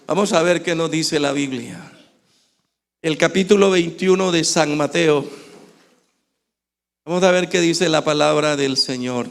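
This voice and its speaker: A man with an Ecuadorian Spanish accent preaching a sermon in a church, swinging from shouting to hushed tones. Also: a little high, unhurried, vocal fry, long pauses. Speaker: pastor.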